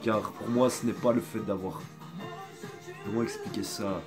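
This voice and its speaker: A man speaks in a fairly low voice with fairly even intonation, recording an easygoing apology video on his phone while music plays behind him. Suffering from a cold and sore throat, he hesitates and wanders from point to point with frequent pauses.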